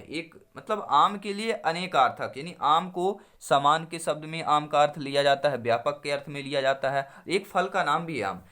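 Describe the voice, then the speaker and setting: A man with a somewhat high-pitched voice teaches an exam-prep lesson for a coaching channel. He works through multiple-choice questions step by step, repeating each answer and inviting viewers, whom he calls friends, to respond. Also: a bit bright. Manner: addresses viewers as friends, repeats answers, asks them to reply.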